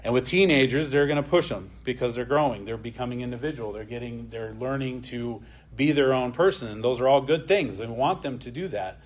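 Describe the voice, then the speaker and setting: A man's voice: mid-range voice, brisk, few pauses. A man teaching an adult church class in a plain, conversational way. He often adds a questioning "right?" as he talks.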